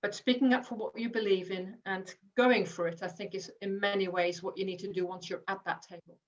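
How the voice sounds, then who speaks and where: A woman's voice: medium pitch, steady tone, brisk. A woman midwife leader on a panel, answering earnestly with frequent restarts. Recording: distant, dull video call audio.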